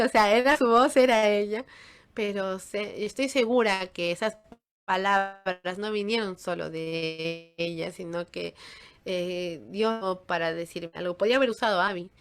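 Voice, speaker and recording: A woman's voice: medium pitch, a bit bright, clear, resonant tone. A woman giving an informal Bible teaching in a conversational way, full of fillers and restarts.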